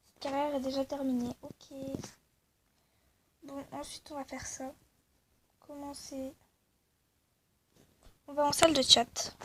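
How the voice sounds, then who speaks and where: A woman's voice: sits high, little pitch movement, slow pace, long pauses, bright, forceful tone. A young woman casually commenting on a game she plays, rambling with many fillers. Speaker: gaming video creator. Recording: faint background noise.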